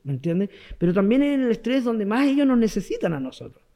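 Emphatic Chilean man, higher voice. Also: big pitch swings, fast, mellow. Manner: explanatory, emphatic, repeats key words. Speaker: guest parenting expert. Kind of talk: radio and TV interview.

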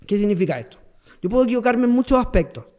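A man's voice: very high-pitched, very animated, very fast, highs cut off. A man with a Chilean accent, the guest expert in a broadcast interview, explaining emphatically and repeating key words. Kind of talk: radio and TV interview.

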